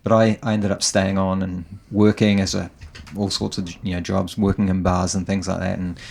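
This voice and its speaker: A man's voice: low-pitched, normal speed, creaky. A middle-aged man with a New Zealand accent, chatting casually as a guest guitarist, laughing easily and restarting his sentences. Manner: relaxed, self-deprecating, laughs often, many restarts. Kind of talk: casual interview chat.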